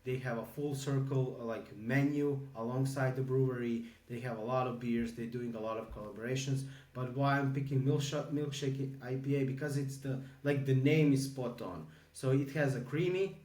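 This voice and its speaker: A man from Croatia co-hosting a podcast in casual chat, halting with many fillers and restarts. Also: mid-range voice, fairly even intonation, darkish tone, recorded from a distance. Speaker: podcast co-host. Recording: echoey room, a bit off-mic.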